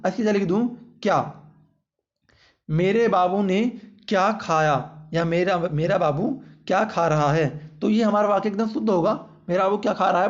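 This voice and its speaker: A man teaching exam-prep grammar, constantly repeating "ठीक है" and quizzing the listener with rhetorical questions, with playful jokey examples. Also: high-pitched. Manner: jokey, uses playful baby-talk examples. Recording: dull lo-fi audio.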